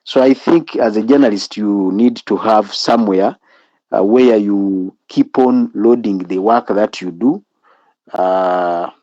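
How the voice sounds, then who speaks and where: A man with a Ugandan English accent, a student in an online class, speaking haltingly with many restarts. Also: on the low side, mellow, no echo, muffled recording. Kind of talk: class discussion. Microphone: video call.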